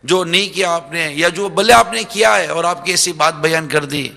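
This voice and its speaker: Bright, gravelly-voiced male preacher in reverberant hall. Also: fairly high pitch. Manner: addresses listeners directly with rhetorical questions and repetition. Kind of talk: religious lecture. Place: large religious center hall, live broadcast.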